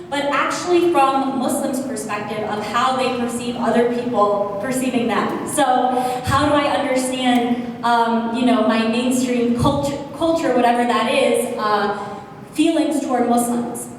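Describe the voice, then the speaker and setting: An American woman with a high-pitched voice presents her research at an academic conference, earnest and full of fillers, and remarks on her own loud voice. She's recorded from far off in an echoey, noisy hall.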